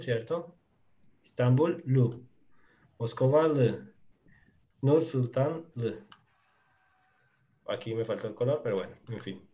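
A man's voice: medium pitch, a little mellow, highs cut off. Man teaching, patient and rambling. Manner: patient, explanatory, full of fillers. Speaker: Turkish teacher. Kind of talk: live online language lesson.

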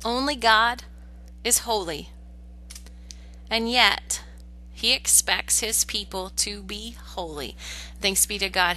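A woman teaching a Bible study lesson in an earnest, explanatory way, often pausing with "uh" and restarting her sentences. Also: medium pitch, bright, forceful tone, low-quality recording.

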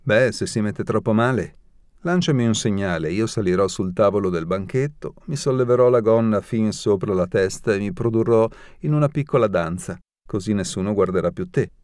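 Teasing young court woman, read by a man, soft and sly, low voice, audiobook. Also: moderate pace, no echo, studio quality, lightly acted.

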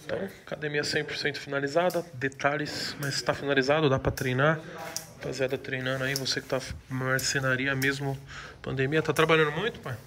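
A man's voice: medium pitch, level tone, fairly quick, pushed and bright. A man hosting a casual vlog, slangy and joking, calling people "pai". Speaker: vlogger host. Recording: busy crowd noise around.

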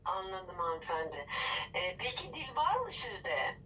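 A woman's voice: mid-range voice, big pitch swings, measured pace, bright, forceful tone, distant mic, a little hiss or hum, poor audio. A woman playing a polite, formal office employer on a landline phone, patient and full of hesitant fillers.

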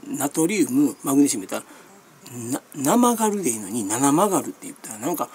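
Chatty Kansai woman with lively pitch. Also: fast, breathy edge. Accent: Kansai Japanese. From Kansai, Japan. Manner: chatty, meandering, refers to herself by nickname, frequent laughs and fillers. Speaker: vlogger. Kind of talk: rambling casual chat.

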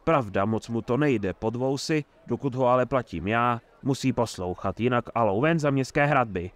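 Lightly acted in a mid-range voice, this man portrays a sly, jovial old mayor with a scheming streak. The tone is hearty and cunning, and he is gushing and talkative.

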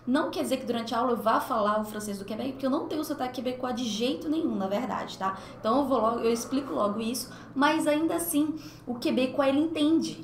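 A young woman teaches a casual, expressive French lesson on a livestream, switching between two languages and gesturing a lot. Her fairly high voice sounds reverberant, with a bit of hiss or hum, picked up by a headset mic in a small room at home.

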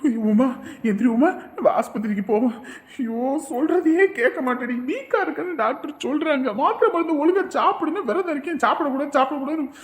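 A fretful young village husband in a cartoon, voiced by a woman, exasperated and pleading by turns. The voice is fairly high for a man. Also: animated, fast talker. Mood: worried. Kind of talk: cartoon voice acting.

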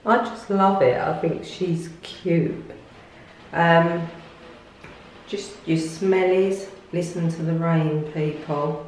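An older woman chats slowly through a tour of her bathroom, wandering off into little asides with fillers and restarts. Her voice rings off the hard tiled walls, caught on a handheld phone. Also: lowish voice, fairly even intonation, darkish tone, slight background noise. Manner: chatty, rambling with fillers and restarts. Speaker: lifestyle vlogger. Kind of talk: casual home tour chat. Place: small tiled bathroom at home. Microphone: phone camera held by speaker. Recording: echoey tiled room.

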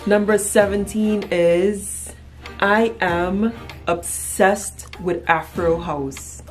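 A woman in her thirties from Trinidad and Tobago, with a Trinidadian accent, vlogs from a small furnished room in her home. She chats casually to the camera as a playful, emphatic storyteller, speaking very slowly in a steady, medium-pitched voice.

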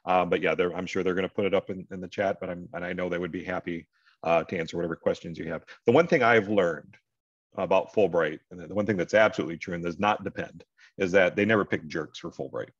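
Here a middle-aged American man leads an advising session online, chatting informally and explaining points straight to his listeners. His low voice stays steady and moves fast. The indoor video call mic yields dry, dull, lo-fi audio.

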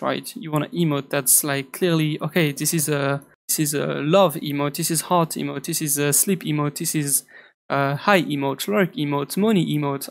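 A hoarse man talks through a screen-recorded tutorial in a loose, chatty way, restarting sentences as he goes. His voice sits a little high for a man and carries a gravelly fry. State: hoarse from a long recording session. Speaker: pixel art tutorial creator.

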